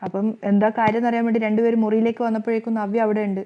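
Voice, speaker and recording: A woman retelling a serial drama at a rapid clip, her voice fairly high. The recording is slightly muffled and lo-fi. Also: flat delivery, slight background noise. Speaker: storyteller.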